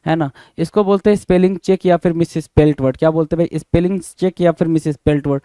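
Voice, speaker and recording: Brisk man spelling words. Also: a little high, fairly even intonation, mellow, clear, resonant tone, dry recording. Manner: brisk, repeats and spells words letter by letter, calls listeners bhai. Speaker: exam prep teacher. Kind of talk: spelling quiz walkthrough.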